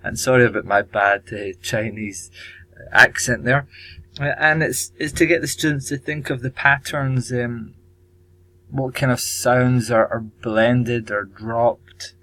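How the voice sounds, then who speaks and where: A man teacher presenting his language course tasks, measured and pausing often with ums. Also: medium pitch, steady tone, pushed and bright, no room sound, poor audio. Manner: measured, with frequent ums and pauses. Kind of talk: recorded presentation.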